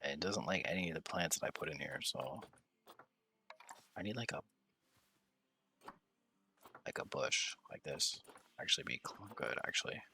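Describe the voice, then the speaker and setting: A young man streaming a zoo-building game, rambling and thinking aloud in a relaxed, mumbling way. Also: extremely low pitch, moderate pace, creaky, pauses often, slight background noise. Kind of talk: relaxed gameplay chat.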